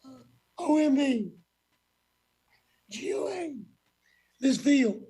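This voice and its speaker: A man questioning witnesses as a legislator at a formal hearing, blunt and folksy, in halting short phrases. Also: extremely high pitch, expressive, mellow.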